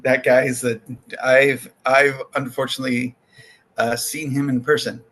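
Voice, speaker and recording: A man hosting a podcast in casual chat, excitable and halting, with lots of fillers and restarts. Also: mid-range voice, low-quality recording. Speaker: podcast host.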